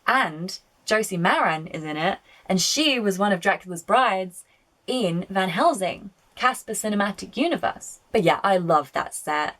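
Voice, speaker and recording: A woman's voice: medium pitch, animated, unhurried, fairly bright tone, low-quality recording. A woman giving casual video-essay film commentary, chatty, opinionated and prone to swearing. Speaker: film reviewer.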